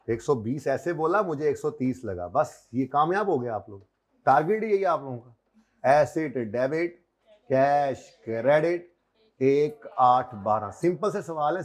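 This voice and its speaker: A man teaching an accounting class in a conversational way, quizzing his students and teasing them lightly, with a Pakistani Urdu accent. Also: fairly high pitch. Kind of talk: classroom lecture. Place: classroom with a board.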